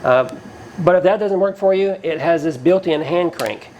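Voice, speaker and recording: A product reviewer and channel host talks plainly and casually to camera from a cinder-block garage, walking through the features. He speaks at a moderate pace in a somewhat high, slightly mellow voice, over a rough recording with a little hiss or hum.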